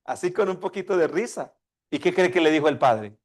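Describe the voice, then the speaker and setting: A man's voice: on the high side, lively intonation, brisk, a little mellow. A man preaching a sermon, asking his congregation questions and acting out a dialogue between a father and his child. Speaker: pastor.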